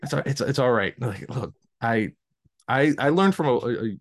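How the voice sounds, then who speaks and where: A man's voice: mid-range voice, lively intonation, normal speed, no echo, clean studio sound. A man with a Southern US accent hosting a casual podcast interview, rambling and self-conscious with many restarts. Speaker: podcast host.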